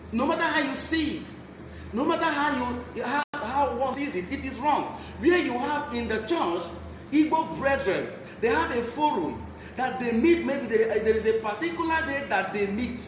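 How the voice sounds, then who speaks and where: A very high, somewhat bright voice belongs to a man with a Nigerian accent who is preaching a Bible teaching sermon. He is emphatic and keeps repeating key phrases, and the echoey recording carries clear background noise.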